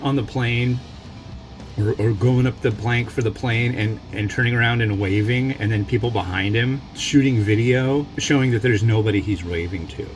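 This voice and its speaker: A man with a mid-pitched voice reviews food casually over guitar music. He talks off the cuff as he eats, wandering into wry asides and tangents. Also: normal speed. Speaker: food reviewer and mukbang host. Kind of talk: casual rambling food review while eating.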